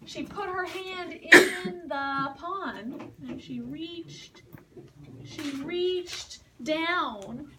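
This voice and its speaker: A woman teaching English, retelling a fairy tale slowly and patiently, repeating and explaining words as she goes. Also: extremely high pitch. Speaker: English teacher telling a story. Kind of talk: slow story retelling with word explanations. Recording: distant mic with faint hiss.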